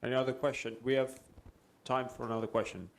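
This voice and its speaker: A man moderating a conference question session, briskly inviting questions and thanking the speaker. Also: medium pitch, steady tone.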